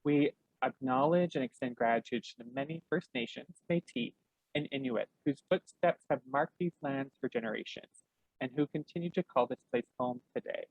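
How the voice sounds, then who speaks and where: Male host reading a formal welcome, mid pitch, dry sound. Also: normal speed, darkish tone, dry recording, dull audio. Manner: scripted and formal, with a slight stumble. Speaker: public program coordinator and host. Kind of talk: read introduction.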